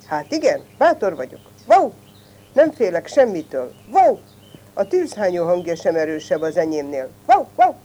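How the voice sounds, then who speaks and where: A woman's voice: on the low side, very animated, hardly any pauses. A woman voicing a small, boastful but cowardly fox cub in a storybook tale, talking big and stammering when scared. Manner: brags loudly, then stammers with fright.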